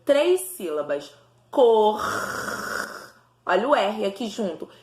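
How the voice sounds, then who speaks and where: A woman teacher with a fairly high voice works through a lesson for young children. She pronounces each word slowly, syllable by syllable. Her voice rings in a bare, echoey room. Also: expressive. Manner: slow, syllable-by-syllable enunciation for children. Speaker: primary school teacher. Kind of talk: recorded remote lesson for young pupils.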